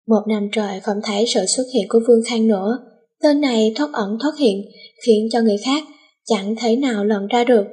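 A woman narrating a novel as an audiobook, reading in a steady storytelling manner with a breathy voice. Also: fairly high pitch.

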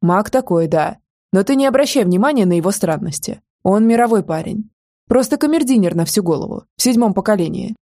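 A woman's voice: medium pitch, animated, brisk, mellow, no echo, clean studio sound, lightly acted. Cheeky young biker, as a woman reads him. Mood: teasing. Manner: teasing, smirking delivery.

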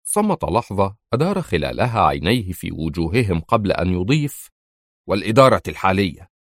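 A male narrator reads a thriller novel in a measured storytelling voice. His voice sits low, and the recording sounds dry and close. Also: very animated, dry recording. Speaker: audiobook narrator.

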